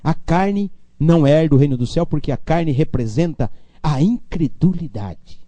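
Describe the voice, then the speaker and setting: High-pitched, lively Brazilian preacher man. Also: moderate pace, no echo. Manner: preaching with call-and-response amens, swinging from low to loud. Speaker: pastor. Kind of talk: sermon.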